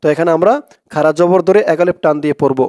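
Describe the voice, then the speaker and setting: A man with a Bangladeshi accent teaches Arabic prayers. He spells out the syllables quickly, then chants the whole words slowly. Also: a little high, fairly even intonation, mellow, dry recording, studio quality. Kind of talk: spelled-out recitation lesson.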